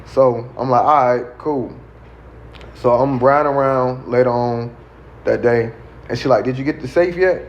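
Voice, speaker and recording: A man's voice: mid-range voice, a little slow. A man telling a personal story in casual talk, acting out the voices of the people in it. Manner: animated, acts out voices and siren sounds. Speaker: guest storyteller. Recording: slightly dull with faint noise.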